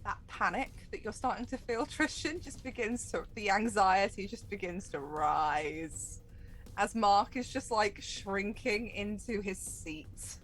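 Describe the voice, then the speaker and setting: Over background music, a woman acting as game master runs a tabletop role-playing game, improvising narration and explaining rules conversationally. Her medium-pitched voice is expressive, unhurried and a bit bright, though the recording quality is low.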